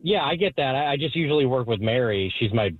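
A man's voice: medium pitch, lively intonation, quick pace, no echo. A confused, hesitant man who stammers as he talks to a prank caller over the phone from his office. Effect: heard over a phone line. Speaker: target of a prank call. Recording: tinny phone line.

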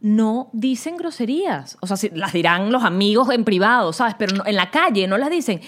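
A woman's voice: mid-range voice, lively intonation, moderate pace, a bit bright. A woman with a Venezuelan accent, a comedian co-hosting a casual podcast chat, who talks animatedly and acts out other people in mock voices.

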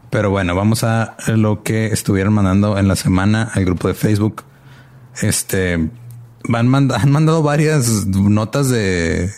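A man's voice: fairly low pitch, darkish tone. A man co-hosting a podcast, laid-back and joking, full of slang. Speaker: podcast co-host. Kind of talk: casual podcast chat.

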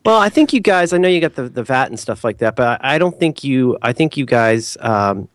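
A man's voice: medium pitch, animated, fairly quick, no room sound, studio quality. A man from the American Midwest with a Midwestern accent, co-hosting a casual comedic chat, teasing with mock-serious asides.

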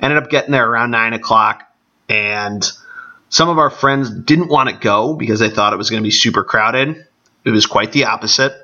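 A man with a gravelly, allergy-congested voice talking casually on his own as a sports podcast host. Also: mid-range voice, moderate pace, pushed and bright. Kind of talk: casual solo podcast talk. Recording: dull, band-limited podcast audio.

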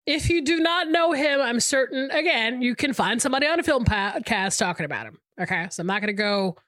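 A woman's voice: on the high side, animated, fairly quick, a bit bright, no room sound. A woman co-hosting a film podcast, chatting informally and checking in with the listener. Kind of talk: casual conversational film discussion.

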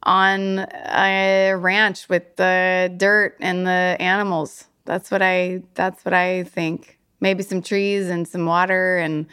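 A woman co-hosting a podcast in casual chat, chatty and quick to laugh, often restarting her sentences. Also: on the low side, little pitch movement, fairly bright tone, clear, resonant tone. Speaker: podcast co-host.

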